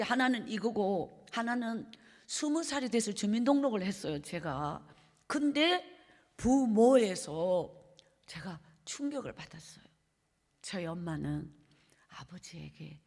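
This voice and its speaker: Middle aged lady preacher w gyeongsang accent, emotional testimony, goes quiet sometimes, echoey church hall. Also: fairly high pitch, husky. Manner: emotional storytelling, often dropping to a soft hush. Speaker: evangelist preacher. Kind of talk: sermon testimony. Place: church sanctuary. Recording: long reverb of a church hall.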